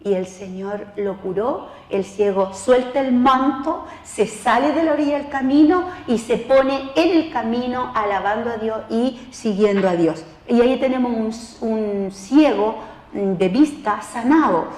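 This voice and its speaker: A woman preaching at a spiritual seminar. She talks straight to the listener and acts out the people she quotes. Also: measured pace. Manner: expressive, acts out quoted voices with rising pitch; addresses listener directly as tú. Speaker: lay preacher teaching a seminar. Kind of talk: spoken sermon teaching. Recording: roomy hall with long reverb.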